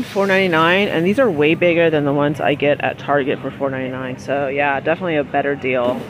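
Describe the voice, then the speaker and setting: A woman filming a casual shop-with-me vlog in a large warehouse store. She chats as she goes, reads prices aloud and drops quick excited exclamations. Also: deep voice, background noise. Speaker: shopping vlogger. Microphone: handheld phone camera while shopping.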